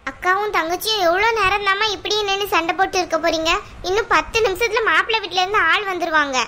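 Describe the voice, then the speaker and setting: A woman's voice: very high voice, fast, pushed and bright, a little hiss or hum. A woman voicing a scolding mother of two daughters in a cartoon, nagging and exasperated. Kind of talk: cartoon voice acting.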